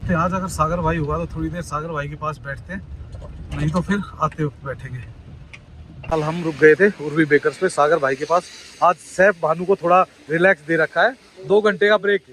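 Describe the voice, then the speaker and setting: A man's voice: fairly high pitch, fairly even intonation, moderate pace, a bit bright, low-quality recording. A man vlogging casually from a car in traffic, chatting with viewers as "brother" and sounding worried about the roads. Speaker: travel vlogger. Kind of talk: casual driving vlog commentary. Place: inside a car in traffic, outdoors around.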